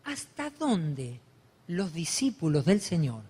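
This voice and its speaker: A man preaching a sermon, building to loud, fervent emphasis. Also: a little high, very animated, slow pace, slightly rough. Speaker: pastor. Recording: long hall reverb.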